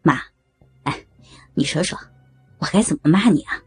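A woman's voice: low-pitched, moderate pace, husky, no room sound, faint music behind, voice pushed down. A woman voicing a domineering young son-in-law in an audio story, with a mocking, taunting, bossy manner. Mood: sneering.

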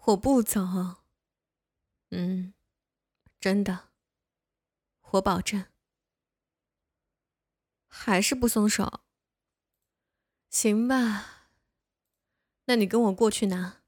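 A young woman with a darkish, mid-range voice speaks very slowly with frequent pauses, in a dry, studio-quality recording. In a one-sided audio role-play she plays a bossy but caring older neighbor who playfully scolds and coaxes the listener.

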